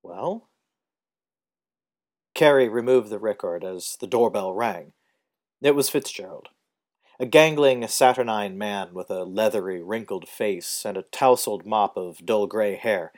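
A man narrating a story as an audiobook in a measured, steady way. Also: lowish voice.

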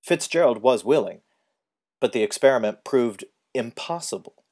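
A man narrating a story as an audiobook in a measured, steady way. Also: mid-range voice.

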